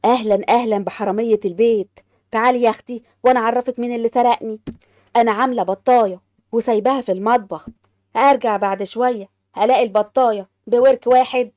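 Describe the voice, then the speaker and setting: A woman's voice: fairly high pitch, steady tone, quick pace, darkish tone, no room sound, studio quality, natural voice. A woman with an Egyptian accent voicing a bossy, scolding old mother-in-law who grumbles and accuses. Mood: furious. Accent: Egyptian Arabic.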